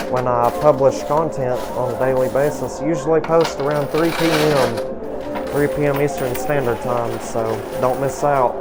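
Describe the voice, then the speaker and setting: A man's voice: mid-range voice, heavy background noise. A man hosting a video with casual, wordy, folksy gameplay commentary. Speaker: video channel host.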